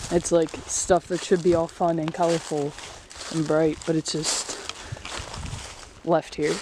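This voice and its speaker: Gravelly low woman exploring ruins. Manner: chatty, filler-heavy, hushed asides. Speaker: vlogger exploring abandoned places. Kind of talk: casual exploring commentary. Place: abandoned amusement park, indoors and outdoors in woods. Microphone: handheld camera. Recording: handheld camera with loud background noise.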